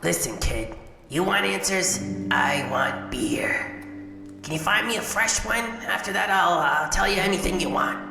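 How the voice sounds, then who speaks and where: A woman's voice: medium pitch, expressive, normal speed, creaky. A woman playing a battered old female pleasure robot in a video game, crass, jaded and needy, talking in slangy, stammering wisecracks. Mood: gruff, wisecracking. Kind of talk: video game character acting. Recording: echoey hall reverb with music behind. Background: music.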